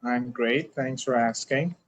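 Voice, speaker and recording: On a casual video call, an Urdu-speaking English teacher and channel host from Pakistan talks slowly in a mid-range voice. He chooses his English carefully and hesitantly, often filling pauses with "uh."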